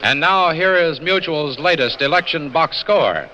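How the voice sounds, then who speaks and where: A man reading election bulletins as a radio news announcer, brisk and formal, heard on an old 1940s radio news broadcast recording. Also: a little high, expressive. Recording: dull, lo-fi old radio recording with faint hiss.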